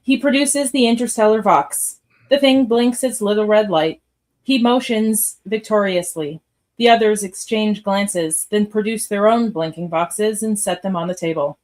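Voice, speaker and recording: A woman's voice: mid-range voice, measured pace, a little mellow. A woman narrating a radio theatre piece, reading scripted stage directions.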